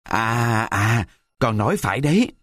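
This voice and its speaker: A man voicing a kind, poor old woodcarver father in a storybook reading, speaking in a gentle, mumbling fatherly way. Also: mid-range voice, lively intonation, measured pace, no echo, clean studio sound. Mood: fond.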